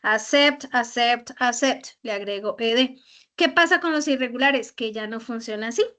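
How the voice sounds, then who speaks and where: High-voiced woman teaching English grammar. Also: animated, pushed and bright. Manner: patient, explains slowly with repeated examples. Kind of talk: online grammar lesson. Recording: slightly dull lo-fi audio.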